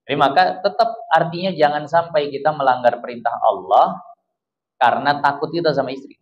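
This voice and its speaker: A man's voice: brisk, highs cut off. A man from Indonesia with a Medan accent, giving a chatty, informal religious lecture to a congregation. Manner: chatty, acts out quoted spouses in a lowered voice. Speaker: religious teacher. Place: study gathering hall.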